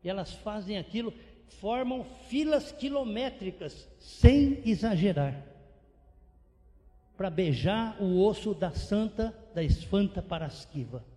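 A man preaching a missionary sermon with animated, repetitive emphasis. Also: high voice, slow. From São Paulo state, Brazil. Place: church sanctuary. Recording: long church reverb.

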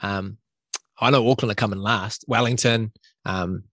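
A man's voice: fairly low pitch, fairly even intonation, a little slow, fairly bright tone, no echo, clean studio sound. A man from New Zealand with a New Zealand accent, hosting a podcast in casual Kiwi English sprinkled with Maori greetings and slang. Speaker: podcast host. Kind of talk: casual chat.

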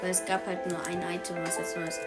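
A young woman playing a game with a friend in casual chat, excitable and loud. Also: fairly low pitch, quick pace, music in the background. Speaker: co-player.

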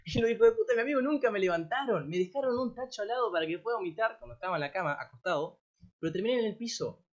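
A young man in his late teens with an Argentine Rioplatense accent, telling a story casually to a live audience as a streamer, rambling and slangy with plenty of swearing. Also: high voice. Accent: Argentine Rioplatense Spanish. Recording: dull lo-fi recording.

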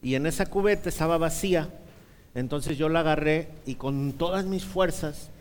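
A male preacher tells a funny childhood story to his congregation. His voice sits a little high for a man. It carries a long echo through the church hall. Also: moderate pace, clean tone. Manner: animated, humorous storytelling with rhetorical questions. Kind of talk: sermon storytelling. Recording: reverberant hall.

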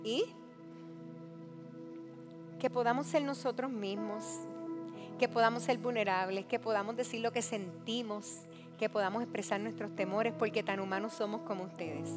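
A woman's voice: medium pitch, fairly even intonation, moderate pace. A woman pastor giving an earnest personal testimony, acting out the things people said to her. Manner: earnest, confessional, acts out quoted dialogue. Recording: music playing behind her. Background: music.

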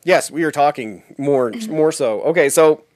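A man's voice: a little high, normal speed, darkish tone, no room sound, studio quality. A man hosting a casual gaming podcast, keeping the talk moving.

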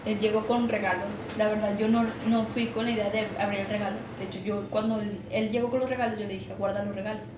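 A woman's voice: mid-range voice, flat delivery, quick pace, hardly any pauses. A young Mexican woman with a Mexican accent telling a personal story on a podcast, emotional and chatty, laughing often. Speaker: podcast guest. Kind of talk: casual storytelling. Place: office. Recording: echoey office, muffled, noisy.

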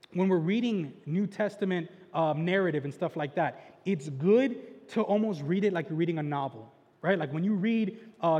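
High-voiced young man preaching casually. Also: muffled recording. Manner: relaxed slangy delivery with frequent "like" and "right?" asides; gets excited and loud while retelling the story. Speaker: pastor. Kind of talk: casual, conversational sermon. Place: large church sanctuary. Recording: long church hall reverb.

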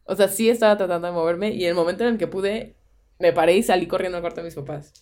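A woman's voice: on the low side, fast, a little mellow. A young woman with a Mexican Spanish accent, co-hosting a podcast and telling a spooky personal story in casual chat, dropping in English phrases. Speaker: podcast co-host.

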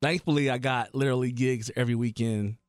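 A man's voice: medium pitch, steady tone, fast, clean tone, no echo, studio quality. A man in his thirties, a working DJ, chatting casually with friends and laughing often. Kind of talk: casual chat.

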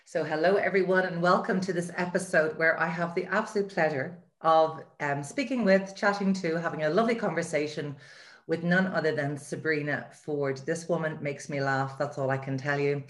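Low-pitched Irish woman hosting an interview. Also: steady tone, moderate pace. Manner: effusive, encouraging. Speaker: show host, mindset coach.

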